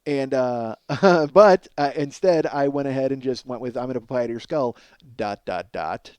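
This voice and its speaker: With a medium pitch, normal speed, and a darkish yet clean tone, this comedy podcast host in his forties tells rambling, casual stories. He's emphatic, profane, and self-deprecating, and there's no room sound.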